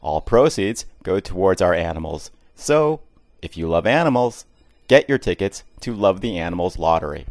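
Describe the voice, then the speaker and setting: Deep-voiced man reading a promo. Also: big pitch swings, moderate pace, darkish tone, no room sound. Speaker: announcer. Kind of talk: scripted promo read.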